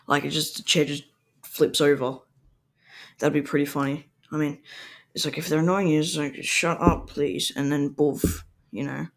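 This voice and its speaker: A young Australian man hosts a solo podcast in a slightly high voice with little pitch movement, speaking at a moderate pace. His casual monologue meanders, full of ums and likes, and he sometimes turns away from his home microphone.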